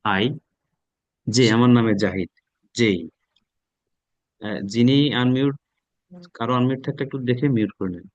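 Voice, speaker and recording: A man's voice: mid-range voice, moderate pace, pauses often, no room sound, highs cut off. A man with a Bangladeshi accent teaching an online pronunciation lesson, patiently drilling letter sounds and repeating each one many times.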